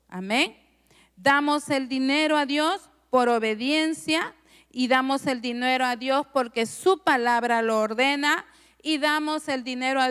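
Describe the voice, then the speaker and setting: A woman's voice: high-pitched, clear, resonant tone, big-room sound. A middle-aged woman pastor preaching a conversational sermon, often asking the congregation short tag questions. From Peru. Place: church.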